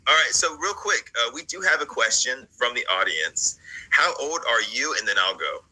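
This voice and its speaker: Hosting his vlog, this late-thirties American, partly from South Carolina and Virginia, rambles through a laid-back reaction chat full of jokes and slang. He speaks at a moderate pace with a medium-pitched, expressive voice that's pushed, bright, and husky, captured in a low-quality recording.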